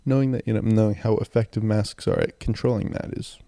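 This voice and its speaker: A young man hosts a casual solo podcast while sick with a cold. His low voice is phlegmy and gravelly, and he rambles along in a low-key way. The handheld mic is close and the sound is very dry. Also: fairly even intonation, brisk, mellow, dry recording. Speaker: podcast host. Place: in bed, indoors. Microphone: handheld mic and audio recorder, close.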